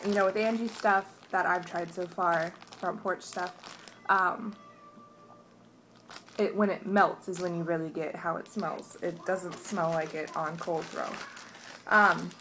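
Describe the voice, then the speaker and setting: A woman's voice: fairly low pitch, steady tone, measured pace, noisy background. A young woman chatting casually through a haul video at home, rambling with many restarts and sounding stuffed up. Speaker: vlogger. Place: home, morning.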